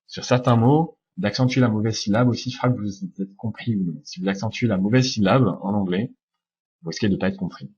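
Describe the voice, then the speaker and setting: A man with a fairly low, husky voice gives a slide-based pronunciation lesson. He explains calmly, often pausing on "euh" and slowing down to model each sound. The recording is dull and lo-fi. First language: French. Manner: explains calmly, demonstrates English sounds slowly, frequent "euh" fillers. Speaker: English pronunciation teacher.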